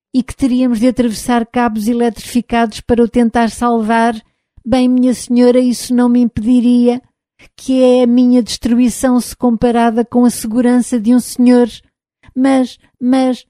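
A woman voicing a timid, frightened male robot with a hoarse voice. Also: fairly high pitch, mellow, no room sound, pitched above the performer's own voice, lightly acted. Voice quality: hoarse, like a machine needing oil. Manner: anxious, pleading, deferential. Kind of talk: audiobook character reading.

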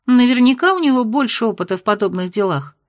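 A woman's voice: fairly high pitch, expressive, quick pace, natural voice. Woman voicing an anxious young student. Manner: anxious, grumbling. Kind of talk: audiobook character reading.

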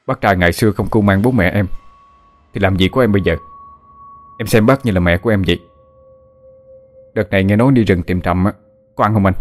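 A man voicing a talkative village man in his late thirties, speaking in a quick, friendly, chatty way. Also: on the low side, natural voice. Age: 30s.

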